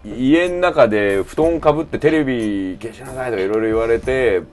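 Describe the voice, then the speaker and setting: A man hosting a casual radio chat and telling stories with lively acted-out quotes. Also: mid-range voice, normal speed, soft background music. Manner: animated storyteller who acts out quotes. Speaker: podcast host.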